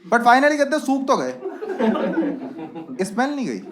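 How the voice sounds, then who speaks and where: A young man doing a stand-up routine. He acts out dialogue in other voices and drops low for punchlines. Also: big pitch swings, unhurried, very noisy. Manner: switches into voices of friends and uncle, dropping low for punchlines. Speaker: stand-up comedian. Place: comedy stage with live audience. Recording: loud crowd laughter behind.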